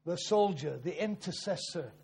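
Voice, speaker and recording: A man preaching with a high voice. He delivers the sermon in short, emphatic lines and stops after each one so the interpreter can follow. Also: animated, normal speed, vocal fry, a little mellow, breathy edge.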